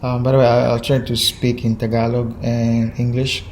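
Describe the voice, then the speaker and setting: Filming with a chest-mounted phone camera in his kitchen at home, a Visayan vlogger from the Philippines does a casual show-and-tell of his gear. He speaks hesitantly with a Visayan accent, with many ums and restarts and bits of Tagalog. His medium-pitched voice is a little mellow, with little pitch movement and a moderate pace, over slight background noise.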